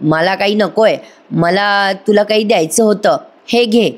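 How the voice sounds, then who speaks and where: A woman's voice: mid-range voice, measured pace, natural voice. A woman voicing a stern, proud elderly matriarch who speaks curtly. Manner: curt, brusque.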